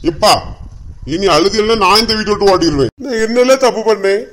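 A woman's voice: medium pitch, fairly quick, a little hiss or hum, natural voice. A woman playing a grown son who pleads with and nags his weeping father, in a Kanyakumari accent. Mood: pleading. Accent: Kanyakumari Tamil. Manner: pleading, nagging. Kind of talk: comic sketch acting.

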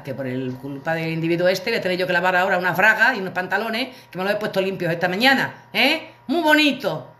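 Bright-voiced woman telling a story. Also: mid-range voice. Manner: chatty, colloquial, comic anecdote with acted quotes. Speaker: livestream host. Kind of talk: casual storytelling to viewers. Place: her living room.

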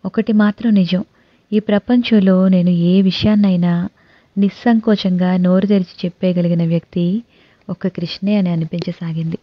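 A woman narrating a novel in the first person, her voice sitting on the lower side. The delivery is lively and expressive. The recording sounds dry and slightly muffled. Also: moderate pace, dry recording.

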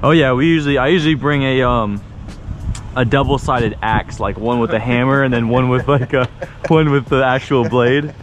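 A man's voice: medium pitch, moderate pace. A young man hosting a fishing vlog, chatting casually and saying "bro" and "like" a lot, recorded outdoors on an action camera. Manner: laid-back, says "bro" and "like" a lot. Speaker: vlog host and kayak angler. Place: outdoors at a boat launch and on the water. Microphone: action camera mounted on kayak.

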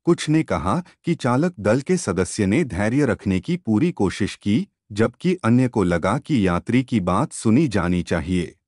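A man reading a news story as a scripted voice-over in a measured way. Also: fairly low pitch, sing-song, darkish tone, no echo, studio quality. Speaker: news narrator.

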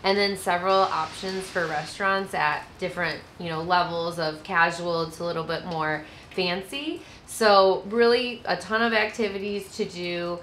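A woman in her thirties chatting casually as a travel vlogger, seated outdoors beside a camper with a relaxed, friendly manner. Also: fairly low pitch, normal speed, hardly any pauses, a little hiss or hum. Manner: relaxed, friendly, with easy laughs.

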